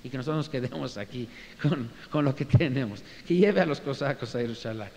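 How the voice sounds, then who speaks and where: A man's voice: mid-range voice, a little fast, a little mellow, voice pushed down, lightly acted. A man voicing a simple, reluctant male farmer who hedges and hesitates, with faint hiss and a roomy echo on the recording. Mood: hesitant. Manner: hesitant, hedging. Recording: reverberant room with faint hiss.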